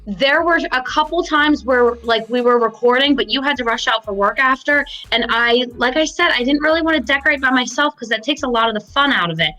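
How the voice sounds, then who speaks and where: A woman's voice: high-pitched, a little fast, few pauses, pushed and bright, soft background music, poor audio. A woman co-hosting a podcast in a studio, chatting casually in a playful, apologetic way. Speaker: podcast co-host. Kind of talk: casual chat.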